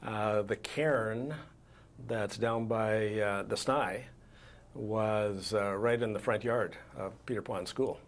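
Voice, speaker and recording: An older man from Saskatchewan, a retired school principal, answering interview questions in a calm, measured, matter-of-fact way. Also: fairly low pitch.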